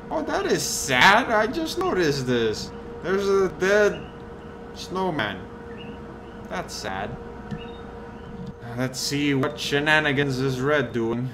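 A man hosts a laid-back gaming session, chatting with friends over a headset mic that gives him a deep-sounding voice. He is very animated yet slow, with long pauses, and he laughs often while playfully teasing the others, with game music and background noise behind him.

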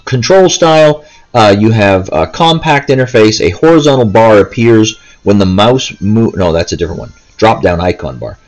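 Seated indoors holding a handheld console, a gaming video host speaks in a fairly low, animated voice at a moderate pace. His unscripted walkthrough is casual, hesitant and rambling, frequently stopping mid-thought, and the recording quality is low.

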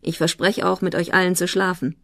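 Brief: cocky teenage boy, voiced by a woman narrator, playful and a bit brighter. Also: on the low side, little pitch movement, a little fast, no echo, clean studio sound. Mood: teasing.

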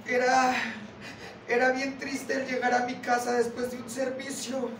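A woman speaks from a podium in an echoey hall, her high voice caught from a distance over a noisy room. She keeps a narrow, steady pitch and pours out a raw personal testimony, swearing in a refrain she returns to again and again. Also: a little slow. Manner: raw and heavily profane, repeating the same curse as a refrain. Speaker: speaker giving testimony at a group meeting.

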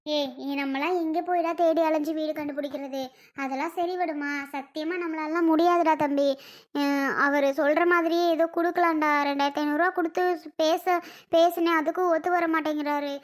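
A desperate, poor tenant woman, acted by a woman with a very high voice. She pleads and begs in a tearful way, holding onto every word of the plea. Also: fairly even intonation, a little fast, natural voice. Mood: pleading. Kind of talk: village family skit.

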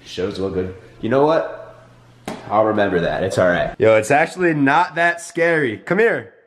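Holding a camera at arm's length, a young adult YouTube vlogger roams a house's bedroom and hallways talking in a hyped, playful, energetic way, turning whiny when he pleads. His voice is on the low side and animated, at normal speed, with slight background noise.

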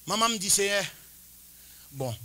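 A man in his forties preaching a sermon, chanting and shouting at the peaks and dropping to quiet, confiding talk between them. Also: high voice, lively intonation, measured pace. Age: 40s. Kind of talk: Pentecostal-style sermon.

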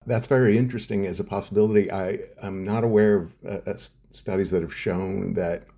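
This middle-aged neuroscientist guest has a low, dark, husky and creaky voice, keeping a steady tone at a brisk pace. Answering the interviewer, he lays things out step by step, full of hesitant fillers and restarts.

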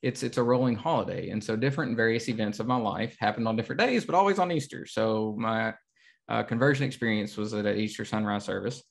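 A man co-hosting a casual church Bible study, relaxed and joking as he talks about ministry plans. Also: on the low side, fast talker, creaky. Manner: joking, relaxed, uses fillers. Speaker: church adult ministries coordinator, co-host.

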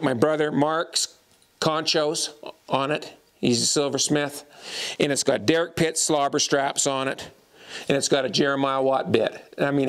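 A man in his fifties, a horseman showing his gear in a casual, folksy way, often repeating his first words, recorded on a lapel mic in an indoor tack room. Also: on the high side. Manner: folksy, repeats words when starting sentences. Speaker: horseman and teacher. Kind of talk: casual show-and-tell.

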